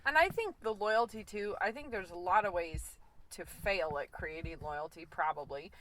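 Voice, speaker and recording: Lively, bright-voiced woman podcast co-host. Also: fairly low pitch, moderate pace, low-quality recording. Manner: animated storyteller, acts out quotes with laughter. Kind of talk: casual chat.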